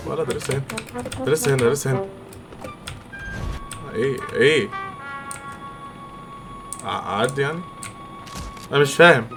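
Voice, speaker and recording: A young man with an Egyptian accent commentating his own gameplay, excitable and quick to react loudly. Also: medium pitch. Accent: Egyptian Arabic. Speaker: gamer. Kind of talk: let's-play game commentary.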